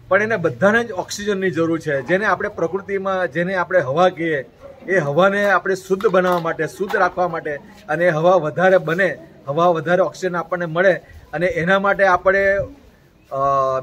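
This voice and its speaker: A man's voice: sits high, a little fast, a bit bright, low-quality recording. A man from Gujarat, an interview guest, delivering an earnest, preachy message and repeating his points in long lists.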